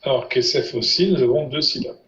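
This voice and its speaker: A man's voice: mid-range voice, fairly quick, a bit bright. Patient male teacher quizzing his students. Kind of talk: online language lesson. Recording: roomy, muffled lo-fi sound.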